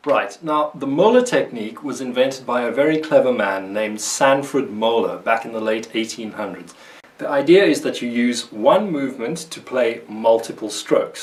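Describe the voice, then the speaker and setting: A man's voice: mid-range voice, distant mic. A male guitar teacher explains technique in a patient, methodical way and counts along with his demonstrations. His voice sits in the middle range and is heard a little off-mic in a roomy space, with guitar playing behind him. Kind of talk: instructional video lesson. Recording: roomy sound, voice a bit off-mic.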